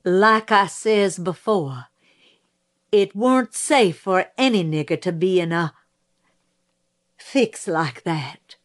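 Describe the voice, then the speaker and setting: A woman voicing a calm, respectful young man on the witness stand, speaking plainly. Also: fairly low pitch, slow pace, pauses often. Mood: steady. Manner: plain, quiet, polite.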